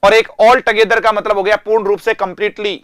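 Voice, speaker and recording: In an online classroom lecture, a male English teacher with a fairly high, crisp, resonant and slightly bright voice speaks in a level tone, recorded close and dry with no echo or room sound. He explains word meanings in Hindi and slows down to stress each English example sentence. Addressing his students directly, he keeps posing questions and then answering them himself.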